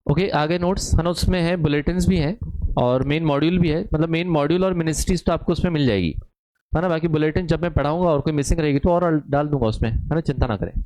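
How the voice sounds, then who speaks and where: A man's voice: fairly high pitch, fast talker, a little mellow, dry recording. A man teaching a live online exam-prep lecture, chatty and repetitive, often checking in with his students. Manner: chatty, repeats "है ना" constantly, reads student chat aloud. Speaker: online commerce exam tutor. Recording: dull dry lo-fi stream audio.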